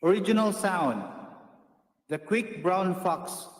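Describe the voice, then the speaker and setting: A man reading a test sentence through a voice changer that shifts his pitch up and down. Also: slow pace. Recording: distant roomy voice with long reverb.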